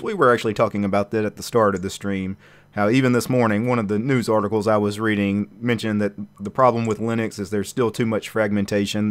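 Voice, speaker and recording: A man hosting a casual video chat and talking back and forth with his guests in a conversational, agreeable way. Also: on the low side. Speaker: host. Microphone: video call.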